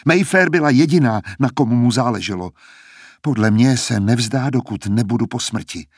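A man's voice: medium pitch, lively intonation, breathy edge, no echo, clean studio sound. A man reading aloud, voicing a frightened young woman singer who is anxious and pleading.

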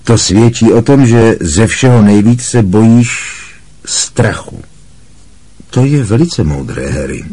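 A kind, middle-aged wizard teacher with a wry, gently amused calm, voiced by a man reading a storybook. The voice sits deep and carries a husky grain.

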